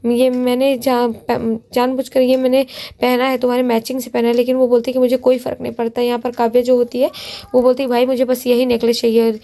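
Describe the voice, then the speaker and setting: A woman walks through the plot of a TV serial episode in a casual, unscripted way. Her voice sits high but barely moves in pitch, with a dark, mellow tone. She stumbles and restarts often and reads every character's line in her own plain voice. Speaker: TV serial recap narrator. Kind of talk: casual spoken plot recap.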